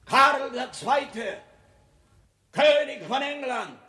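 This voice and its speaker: A man's voice: very high-pitched, extremely slow, crowd noise, full character voice. An actor playing a haughty, sardonic, melancholic king in a 1960s German radio play, pompous and theatrical, savouring each phrase. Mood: grandly proclaiming.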